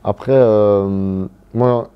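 Here a young Cameroonian man raised in Belgium, a footballer, responds to an interviewer very slowly, hesitating and restarting often amid many fillers. His fairly low voice is clear and resonant with fairly even intonation, though the sound is lo-fi.

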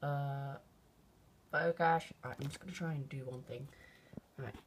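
A teenage guy excitedly narrating a quick phone video, rambling with lots of fillers and casual slang. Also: mid-range voice, background noise. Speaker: vlogger. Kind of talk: excited off-the-cuff phone commentary. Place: at home by an open window at night. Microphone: phone held out of a window.

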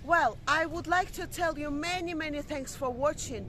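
Woman, high voice, sing-song and affectionate, outdoors, faint background noise. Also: moderate pace, fairly bright tone. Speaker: vlog co-host. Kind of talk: casual vlog chat. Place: outdoors on a seaside promenade.

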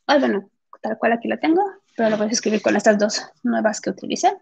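A woman teaching an online English class, mixing explanations with slow, drawn-out English examples. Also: fairly high pitch, gravelly, a little mellow, breathy edge. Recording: muffled lo-fi online class audio.

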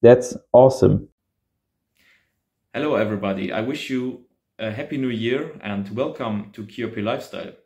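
With a mellow, medium-pitched voice at normal speed, the host of an amateur radio channel—a man in his thirties—gives a casual hands-on tutorial in short, simple phrases, working in a small indoor home workshop.

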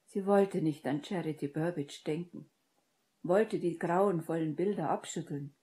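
A woman narrating a fan fiction audiobook in a calm, measured storytelling manner. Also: on the low side.

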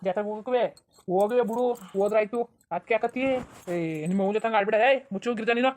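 An indulgent village father, voiced by a woman soothes his wife and spoils his daughter in a cartoon. The words tumble out very fast at a middling pitch. He brushes off every complaint with easy reassurance. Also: fairly even intonation, a little mellow, natural voice. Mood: soothing. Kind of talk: cartoon voice acting.

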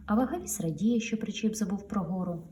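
A woman's voice: medium pitch, animated, brisk, dark tone, slight background noise. A woman reading a children's picture book aloud to her daughter, with playful storytelling and sound effects, heard a little distant from the mic.

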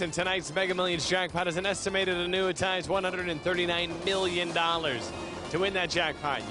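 Upbeat male lottery draw host over music. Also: high-pitched. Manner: upbeat showman announcer. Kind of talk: scripted lottery draw announcing, reading out numbers. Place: TV studio. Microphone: handheld microphone.

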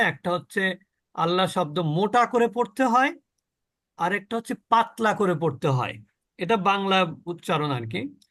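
A man's voice: high voice, a bit bright. A man teaching a Quran pronunciation lesson, asking the class questions and drawing out the words he models. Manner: slow, explaining, asks questions of the class.

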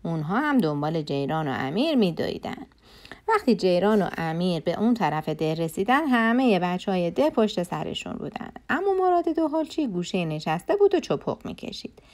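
A woman narrating a children's folk tale with a steady, clear storytelling delivery. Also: fairly low pitch.

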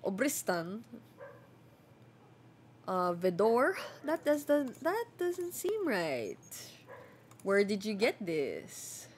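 A woman's voice: medium pitch, huge pitch swings, very slow, pauses often, slight background noise. A woman giving playful gameplay commentary while role-playing a border officer. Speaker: game streamer.

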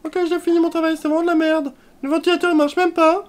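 A woman voicing a bored, crude young receptionist at a club, in a high sing-song voice that swears offhandedly. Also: flat delivery, fast talker. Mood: bored, grumpy.

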